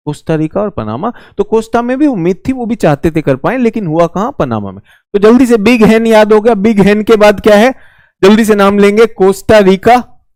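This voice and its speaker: A man's voice: high voice, darkish tone, dry recording, studio quality. A man with an Indian accent teaching geography in a live online exam-prep class, chatty and teasing, repeating key words.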